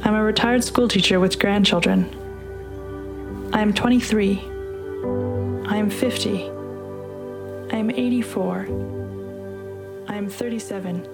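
A woman reading a narrative piece aloud and introducing the program in a measured, deliberate way. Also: medium pitch, fairly even intonation. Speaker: podcast host and reader. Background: music underneath.

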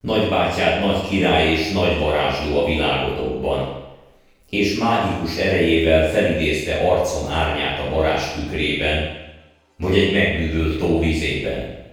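A man playing a cruel witch queen, very deep voice, drenched in reverb, contemptuous. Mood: scheming. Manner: haughty, commanding, contemptuous. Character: proud cruel witch queen, scornful and imperious. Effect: heavy echo reverb on the voice. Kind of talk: audiobook character voice. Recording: strong added echo, faint music.

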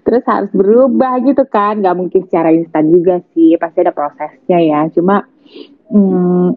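A woman with a fairly low voice talks at a normal pace in a casual, slangy chat about parenting, laughing often and acting out quotes. The audio is dry, tinny phone-line sound with no room noise.

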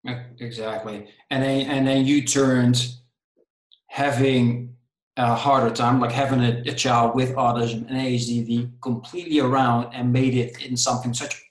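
A man's voice: mid-range voice, level tone, normal speed, reverberant, rough recording. A man hosting a live interview, asking questions and encouraging his guest with short replies. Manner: encouraging, frequent backchannels. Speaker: interviewer, host.

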